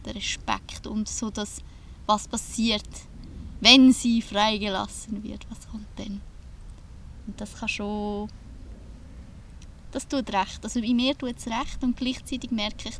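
A woman's voice: mid-range voice, fairly even intonation, slow pace, pauses often, a bit bright, slight background noise. A woman co-hosting a podcast, speaking reflectively and hesitantly in casual chat from inside a camper van. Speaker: podcast co-host.

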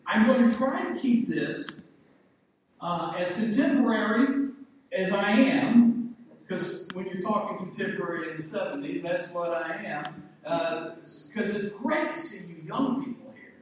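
In a church hall, an expressive Southern preacher in his sixties jokes and rambles through a folksy sermon in his regional accent. His voice sits high and he's unhurried; the distant hall mic is echoey, with a bit of background noise.

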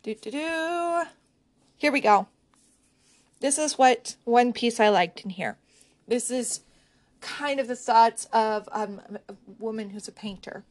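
Slightly high-pitched woman, book vlogger, loose and hesitant chatty delivery. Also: a little slow. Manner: hesitant, with frequent ums and restarts. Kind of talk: casual book chat.

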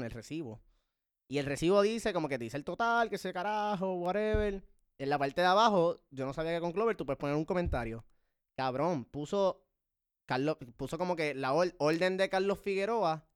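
Puerto Rican man, podcast host, smooth higher voice, swears a lot and rants as he tells it. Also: moderate pace. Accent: Puerto Rican Spanish. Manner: profane, animated, self-mocking storytelling. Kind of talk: casual storytelling chat.

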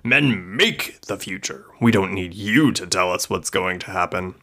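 A man's voice: sits low, lively intonation, a little slow, pushed and bright, exaggerated voice. A man reading a story, voicing a grumpy, dismissive older husband. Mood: grumbling. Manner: gruff, dismissive.

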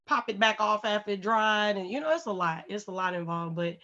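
A woman from St. Louis, USA, chats candidly and casually on a podcast, telling stories bluntly and animatedly with plenty of swearing. Her mid-range voice is raspy and congested, and she talks a little fast. The audio is slightly dull and muffled.

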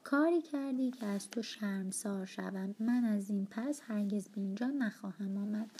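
A woman reading an audiobook, voicing a hurt, indignant young gentleman who speaks reproachfully. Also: mid-range voice, slight background noise, close to an everyday voice. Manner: wounded, reproachful.

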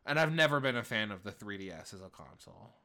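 Speaking fast in a fairly low voice, a man in his late twenties rambles through casual conversation. He's animated and keeps cutting himself off to restart his thoughts.

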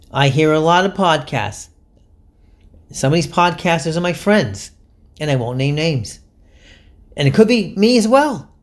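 A man hosting a solo podcast, giving candid, chatty advice in an animated, self-deprecating way. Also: medium pitch. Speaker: podcast host.

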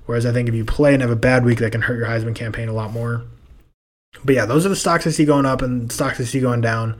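A young man hosting a casual sports podcast, hoarse and losing his voice, rambling and loose in his talk. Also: medium pitch, fairly even intonation, fast talker. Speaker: podcast host.

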